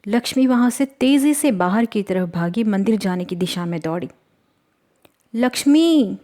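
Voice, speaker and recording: A woman's voice: mid-range voice, moderate pace, dark tone. Woman narrating a dramatic story.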